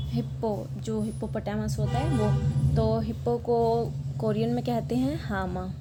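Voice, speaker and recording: A patient young woman gives an online language lesson, spelling out words syllable by syllable and repeating them slowly. Her voice sits a little high yet sounds mellow and soft-edged. A faint hiss of noise runs under the recording. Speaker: Korean language teacher.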